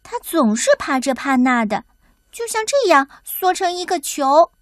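A woman's voice: sits high, very animated, measured pace, dry recording, clean studio sound, pitched above the performer's own voice. A woman voicing a chirpy little female blackbird who talks in a coaxing way.

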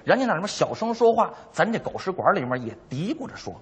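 A man performing crosstalk comedy on stage, cutting in with quick teasing retorts. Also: high voice, sing-song, husky. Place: stage before a live audience.

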